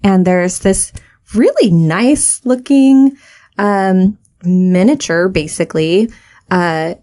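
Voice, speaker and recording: Brief: woman co-host, mid-pitched, rambling casual storyteller. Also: slow, mellow. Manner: rambling, many fillers and restarts. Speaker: podcast co-host.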